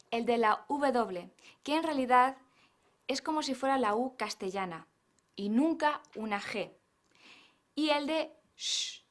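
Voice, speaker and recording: A high-pitched woman reads scripted narration for an English lesson. She explains grammar and pronunciation slowly, in measured Spanish sentences with English examples. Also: a bit bright.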